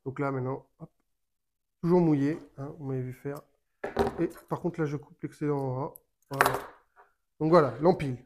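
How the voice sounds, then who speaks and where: A man giving a casual how-to explanation of a fishing rig, talking while he works with his hands and pausing often with fillers and restarts. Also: mid-range voice, fairly even intonation, noisy background. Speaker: fishing tutorial maker.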